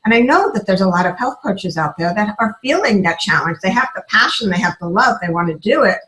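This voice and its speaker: A woman's voice: mid-range voice, expressive, fairly quick, sharp tone, reverberant, low-quality recording. A woman, a health coach who now sells essential oils, telling her story in an earnest, emotional way and acting out what people said to her. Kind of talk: casual personal testimony.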